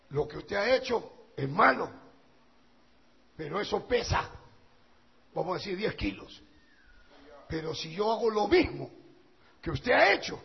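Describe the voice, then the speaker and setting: A male pastor preaching a sermon with passion, swinging from quiet talk to shouting. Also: high-pitched, gravelly, husky. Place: church hall. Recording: dull lo-fi church recording with long reverb.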